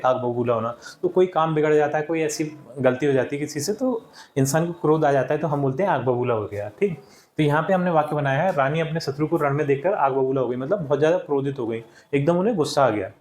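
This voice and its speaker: Guy teaching kids a lesson, kinda high voice, explains slow and patient, echoey room. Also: darkish tone. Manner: patient, explains step by step, often addresses children.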